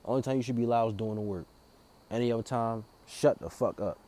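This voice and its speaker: A man reading Bible verses slowly and then commenting on them in loose, drawling, repetitive street-preacher talk. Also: medium pitch, dark tone. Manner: drawling, repeats words, slow solemn scripture reading.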